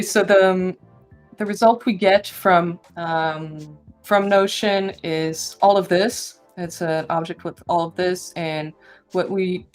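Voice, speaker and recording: Woman presenter, casual and halting, voice metallic and robotic from an AI noise filter on a stream mic. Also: fairly low pitch. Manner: casual, hesitant, full of ums and restarts. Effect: robotic, metallic sound from AI noise removal. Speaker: presenter from the product team. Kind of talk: live-streamed software tutorial.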